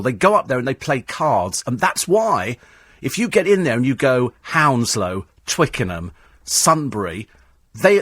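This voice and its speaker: A man's voice: mid-range voice, fairly bright tone, husky, dry recording. A man, a radio talk show host ranting sarcastically in a studio. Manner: sarcastic, mocks cabbies in put-on voices.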